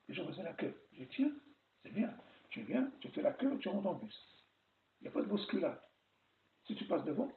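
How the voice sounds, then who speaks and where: A man telling stories in a chatty, animated way on a casual advice vlog. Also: fairly high pitch, gravelly. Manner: chatty, animated storytelling with repeated phrases. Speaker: vlogger sharing travel advice. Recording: roomy, tinny phone-like sound with faint noise.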